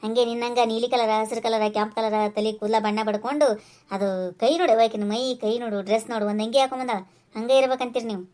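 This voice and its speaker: A woman's voice: a little high, steady tone, a little mellow, close to an everyday voice. A woman voicing a fiery village woman with a North Karnataka accent. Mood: indignant. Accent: North Karnataka Kannada. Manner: scolding, rapid and combative. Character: brash rural village woman, middle-aged, quick-tempered. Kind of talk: cartoon voice acting.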